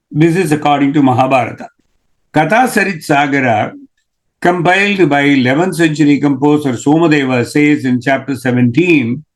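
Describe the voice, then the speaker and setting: A man from South India, giving a devotional scripture lecture in a measured, explanatory way, reciting Sanskrit verses. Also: medium pitch. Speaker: religious teacher.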